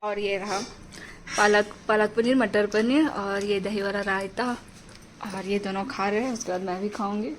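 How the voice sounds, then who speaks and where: Chatty young woman, flat steady tone. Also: medium pitch, normal speed. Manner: chatty, rambling storytelling. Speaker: vlogger. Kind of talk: casual family vlog narration. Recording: faint background noise.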